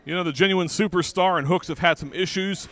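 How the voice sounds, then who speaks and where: A man with a high voice co-hosts a wrestling show. He recaps the matches and banters like one of the show's own personalities. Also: fairly quick, fairly bright tone.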